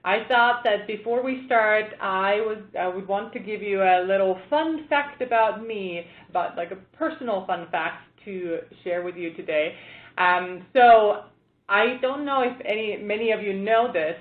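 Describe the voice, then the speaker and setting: Female expert presenter from Estonia, mid pitch, casual anecdotal delivery; echoey, tinny audio. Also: a little slow. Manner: chatty, storytelling with fillers. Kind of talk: conversational presentation. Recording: tinny phone line, echoey room.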